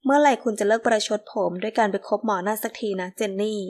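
A man's voice: high voice, fast talker, natural voice. A woman reading the part of a sarcastic, jealous young man in an audiobook. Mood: needling. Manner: needling, sarcastic. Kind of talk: audiobook dialogue.

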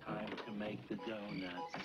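A man's voice: lowish voice, flat delivery, unhurried, over loud music, lightly acted. A man voicing a weary baker and a commercial announcer in an old TV advertisement.

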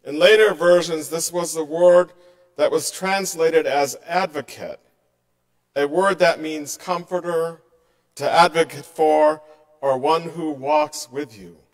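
A middle-aged man delivers a sermon from behind a church pulpit, speaking slowly and earnestly. His voice sits a little high for a man, and it softens as his phrases end. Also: fairly even intonation. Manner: slow, measured and earnest, voice dropping softly at line ends. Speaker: pastor.

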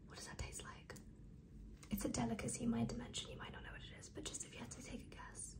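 Fast-whispering woman acting as interdimensional kidnapper, whispered role-play. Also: on the high side, little pitch movement, creaky. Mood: matter-of-fact. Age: young adult. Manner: fast, brisk whispering ASMR. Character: businesslike interdimensional woman kidnapper examining a captive human. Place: small bedroom, indoors.

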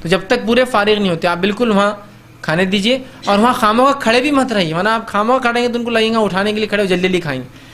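High-voiced man. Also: fairly bright tone, a little hiss or hum. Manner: conversational, acts out host-guest exchanges; checks in with listeners often. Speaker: lecturer. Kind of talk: religious lecture on etiquette.

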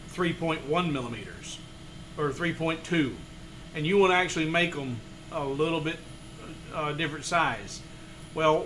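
A man in his forties walking through a woodworking design file step by step, with relaxed explanations and frequent fillers. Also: on the high side, a little hiss or hum, low-quality recording. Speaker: woodworking tutorial host. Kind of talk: screen-recorded software tutorial. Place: home studio room.

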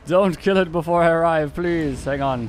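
A man's voice: on the high side, moderate pace, slight background noise. A man giving casual, playful commentary over his own gameplay, chuckling often and greeting the players he meets. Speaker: gaming YouTuber.

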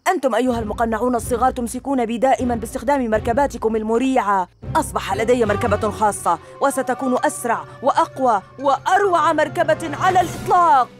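A woman's voice: a little high, quick pace, close to an everyday voice. Woman as gloating, theatrical boy ninja villain. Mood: boastful. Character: boastful scheming young ninja villain boy. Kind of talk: dubbed children's cartoon acting. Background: background music.

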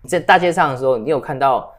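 A man in his thirties with a mid-range voice co-hosts a casual political talk show, speaking quickly and telling stories sprinkled with English phrases. Faint music plays behind him.

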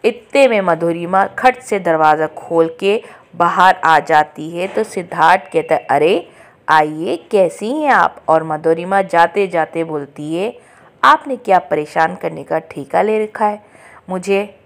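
A woman's voice: lowish voice, takes it slowly. A woman narrating a chatty recap for viewers, retelling quotes in her own voice. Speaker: show update narrator.

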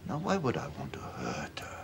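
A man's voice: very deep voice, wildly swooping pitch, normal speed, vocal fry, a little hiss or hum, heavily acted. An actor playing a smug, menacing male police interrogator who speaks in a coolly bureaucratic, mocking way. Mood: menacing mockery.

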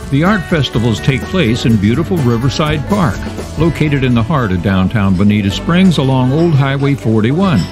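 A man reads a scripted voice-over in a steady, even way at mid pitch. Clear music plays beneath his reading. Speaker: narrator. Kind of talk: scripted narration.

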